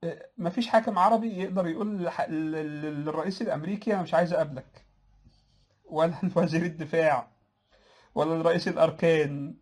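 An Egyptian man talks fast in casual political commentary, his voice sitting high. He mocks the ideas he answers, chuckles at his own points and trips into restarts as he hurries on. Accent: Egyptian Arabic.

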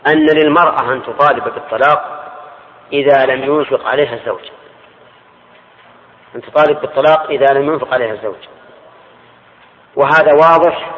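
An older male Islamic scholar giving a measured religious lesson explaining hadith, repeating key phrases as he explains. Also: mid-range voice. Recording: dull lo-fi archive recording in a large reverberant hall.

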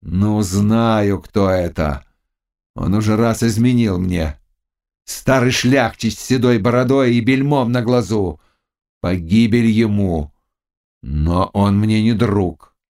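A man's voice: lowish voice, slow, a little mellow. Man voicing a brooding Cossack. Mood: grim. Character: brooding young Cossack warrior, passionate and uneasy. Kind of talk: audiobook character reading.

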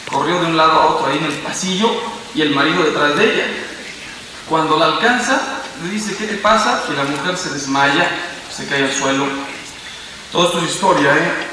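Mexican priest in his 50s preaching, high bright voice, dramatic storytelling with big swings, far off in a roomy hall. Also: noisy background. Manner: storytelling, dramatic swings into loud exclamations then hushed drops. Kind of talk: sermon. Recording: echoey hall from far off, faint ambience.

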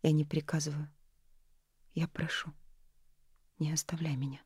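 A guarded young woman full of fear, put on by a woman reading a novel, often dropping to a breathy whisper. Her voice is low and mellow. The recording is dry and close. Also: fairly even intonation, moderate pace, no echo. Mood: pleading. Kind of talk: audiobook character reading.

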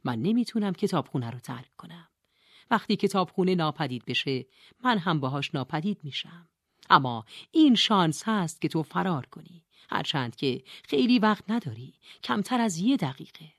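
A woman's voice: lowish voice, sing-song, no echo, studio quality. Woman doing a grave older librarian.

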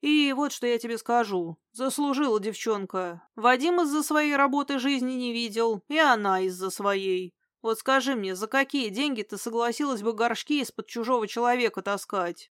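A woman reading aloud as a blunt, gruff older village man who speaks emphatically and flares up easily. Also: fairly high pitch, no echo, studio quality, close to an everyday voice. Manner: emphatic, outspoken, quick to flare up.

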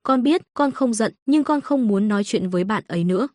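A woman voicing a sweet three-year-old girl with second sight in an audio story, soft and coaxing. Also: a little high, animated, fairly quick, no echo, studio quality, lightly acted. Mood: whispering.

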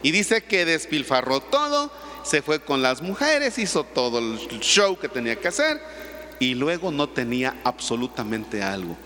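A man, a priest giving an animated, teasing sermon in a large church. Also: medium pitch, moderate pace, big-room sound, slight background noise. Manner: animated storytelling, teasing the congregation.

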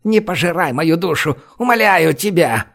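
A man's voice: a little high, expressive, moderate pace, fairly bright tone, voice pushed up. A man voicing a greedy, suspicious male desert sand-dweller who hisses and snarls his demands. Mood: terrified. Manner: hissing, snarling, then panicky pleading.

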